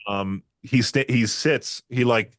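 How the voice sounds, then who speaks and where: In a relaxed interview conversation, a male podcast host tells long, rambling stories at a slow pace, peppering them with fillers and laughter. His voice sits in the mid range. The sound is dry, with studio quality.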